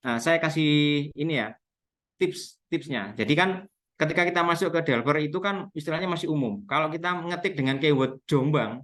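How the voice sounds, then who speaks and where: A man with a Javanese Indonesian accent speaks on local history in an informal explanatory webinar, going step by step and spelling out terms. His voice is a little high and fairly bright, at normal speed.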